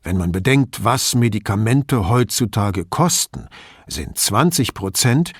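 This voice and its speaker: A man voicing a courteous, patient police commissioner asking measured questions. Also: on the low side, expressive, slightly rough, no room sound, clean studio sound, heavily acted. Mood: polite. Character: middle-aged police commissioner, polite, patient.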